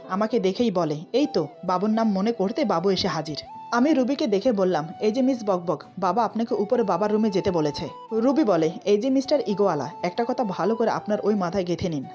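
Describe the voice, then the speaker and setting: A woman with a Bengali accent narrates a romantic story, reading every character's lines in her own voice and dropping slightly lower for the men. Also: expressive, a little fast, a little mellow. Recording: slightly dull recording with faint music.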